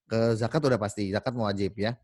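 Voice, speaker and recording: Animated man telling stories to colleagues. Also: lowish voice, fast, no room sound, clean studio sound. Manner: animated, many fillers and self-corrections. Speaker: team meeting speaker. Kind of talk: casual storytelling talk to colleagues.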